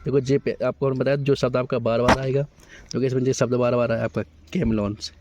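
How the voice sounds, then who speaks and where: A man's voice: mid-range voice, level tone, quick pace, noisy background. A male coaching teacher walking a class through an exam paper, asking questions and checking with the students as he goes. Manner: explains in question-and-answer style, checks with students.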